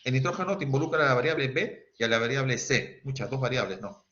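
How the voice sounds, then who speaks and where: Un profesor con acento peruano que da una clase de química en línea y pregunta "¿sí?" a cada rato a sus alumnos. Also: male voice, medium pitch, animated, quick pace, a bit bright. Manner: quizzing students, asking "¿sí?" often, sings snatches. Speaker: teacher. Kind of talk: online chemistry class. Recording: dull lo-fi sound.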